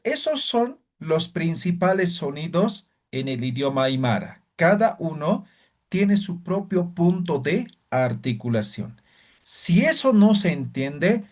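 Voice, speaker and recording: A man teaching a language lesson, patiently repeating sounds and checking in with his students. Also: on the high side. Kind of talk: classroom lesson.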